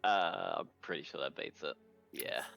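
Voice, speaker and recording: A man's voice: very deep voice, sing-song, normal speed, vocal fry, fairly bright tone, faint music behind. A man chatting casually as a tabletop game player, recorded on a dull lo-fi mic.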